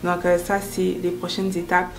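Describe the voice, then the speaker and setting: Her voice sits on the low side, delivered completely flat at a normal speed. She's a French-born, US-raised entrepreneur and makeup artist in her twenties, earnestly explaining herself in a first-person interview while music plays under her voice.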